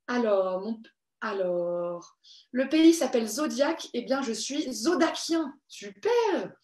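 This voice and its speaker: A woman's voice: a little high, sing-song, takes it slowly, a little mellow. A woman hosting a live online creative workshop for children, cheerful and encouraging as she reads out viewers' comments. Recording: echoey room.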